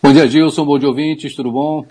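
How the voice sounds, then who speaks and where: A man's voice: a little high, fairly even intonation, brisk, a little mellow, slightly rough. A man talking about wine on a radio show, explaining things in an easygoing way with small asides.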